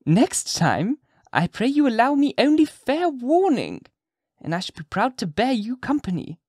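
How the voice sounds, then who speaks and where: A man's voice: very high voice, big pitch swings, measured pace, a little mellow, breathy edge, dry recording, studio quality, voice pushed up, exaggerated voice. A man voicing a grand, sly old witch woman who cackles and speaks with crafty knowingness. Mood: sly, insinuating.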